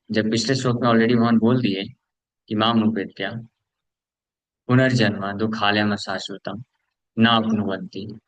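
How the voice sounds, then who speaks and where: Captured on a rough recording with no echo, this medium-pitched Indian preacher leads a scripture lecture. Earnest in tone, he hammers home points through repetition, slips English into his Hindi, and voices his listeners' excuses as little asides.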